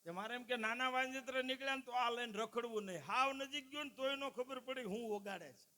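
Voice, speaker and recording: Brief: male folk comedian, very high, sharp, ringing voice, animated stage delivery. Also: fairly quick. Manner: animated, addresses the crowd as "saheb". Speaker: stand-up folk comedian at a dayro. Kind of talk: live comic storytelling to an audience.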